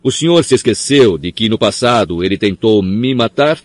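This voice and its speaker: A man's voice: lowish voice, expressive, normal speed, no echo, pitched above the performer's own voice, lightly acted. A man reading an audiobook, voicing a cold male professor who sneers and snarls. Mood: contemptuous. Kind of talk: audiobook character voice.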